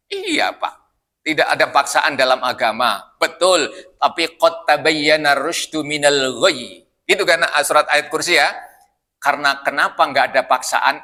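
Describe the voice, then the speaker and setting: Older guy preaching in a mosque, high bright voice, jokey, keeps quizzing the crowd. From Indonesia. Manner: lively, joking, asks the congregation questions. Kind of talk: sermon.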